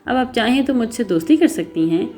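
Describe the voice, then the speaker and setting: A woman's voice: fairly high pitch, lively intonation, warm tone, pitched above the performer's own voice, close to an everyday voice. A woman voicing a stubborn, teasing young man in a story reading, with a smug manner.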